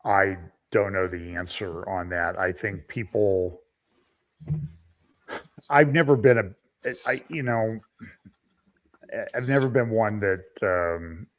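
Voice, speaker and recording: A man who is a lawyer, hosting a conversation and telling stories in a measured, skeptical way. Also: on the low side. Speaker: host and lawyer. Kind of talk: conversational commentary.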